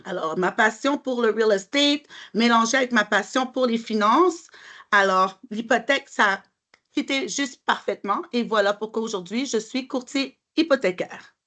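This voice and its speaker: A friendly woman with a Quebec French accent answers interview questions in a fairly high voice. She hesitates often, filling her pauses with fillers and restarts. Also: pushed and bright. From Montreal. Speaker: guest, mortgage broker.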